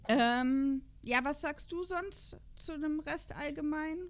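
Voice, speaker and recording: Here a podcast co-host who reviews children's audio dramas talks in a high voice, taking her time. She rambles through the casual, unscripted conversation and keeps checking whether others agree.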